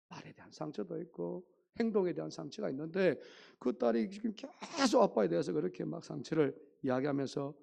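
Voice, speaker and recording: Gravelly male pastor preaching. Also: a little high, a little mellow, dull audio. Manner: storytelling, quotes others, addresses congregation directly. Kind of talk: sermon. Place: church sanctuary.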